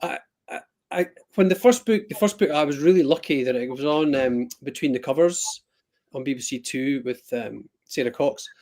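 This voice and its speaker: A man from Scotland, appearing as a guest author on a video call, talks in a mid-range, slightly mellow voice at normal speed. The live-stream chat is casual, full of rambling, self-deprecation, ums, and restarts.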